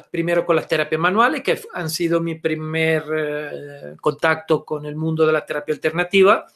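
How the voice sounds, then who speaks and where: A middle-aged man with a notably high voice leads an online lesson over a webcam, speaking Spanish. He explains patiently and steadily, filling his pauses with little "eh"s and checking in with "okay?". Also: a bit bright. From Italy. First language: Italian. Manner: patient explanatory, fond of "eh" and "¿ok?" tags. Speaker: therapy instructor. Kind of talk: webinar lecture. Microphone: webcam video call.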